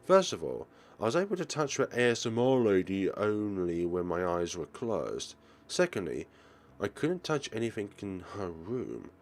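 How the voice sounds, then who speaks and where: Playing a visual novel as a let's player, this man reads it aloud theatrically, now and then stumbling and going back over phrases. His voice sits fairly low and is very animated, at a normal speed, mixing game commentary with dramatic narration.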